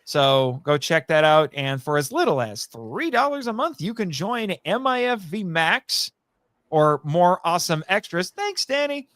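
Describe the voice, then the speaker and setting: This man, a writer who voices audio dramas, guests on a podcast and chats loosely with plenty of jokes, plugging his work while poking fun at himself. His fairly high, somewhat bright voice has lively intonation and an unhurried pace, with no room sound.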